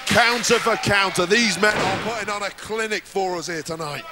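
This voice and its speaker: A man's voice: high voice, moderate pace, over loud music. A man giving analytical wrestling commentary in an intense, explanatory and emphatic manner.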